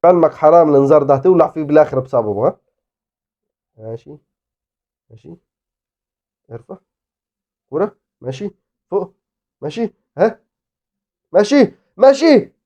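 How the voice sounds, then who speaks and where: A man with an Egyptian Arabic accent, giving excitable live commentary on his own football game as a gaming YouTuber. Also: a little high, moderate pace, long pauses, lo-fi sound. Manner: excitable, exclaiming and pleading at the game.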